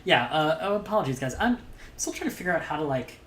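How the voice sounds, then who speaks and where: A man's voice: a little high, very animated, fast talker, a bit bright, slight background noise. A man hosting a live game stream, chatting casually with an upbeat manner and lots of hesitant fillers. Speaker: streamer and host. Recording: roomy sound, music behind.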